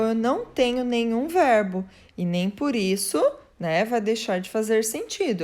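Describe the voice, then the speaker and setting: A woman's voice: a little high, darkish tone. A woman teacher explains grammar step by step, checking in often with her students. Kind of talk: grammar lesson.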